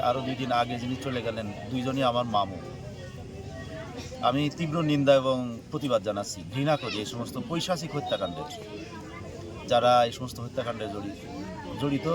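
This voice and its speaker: A man giving a solemn, formal and somewhat halting public condolence statement as a local political figure. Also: mid-range voice. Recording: outdoor crowd noise.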